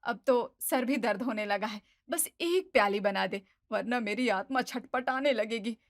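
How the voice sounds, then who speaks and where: A woman's voice: on the high side, a little slow. A woman voicing a scheming older mother-in-law who is obsessed with tea and sighs and grumbles theatrically. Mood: dramatic.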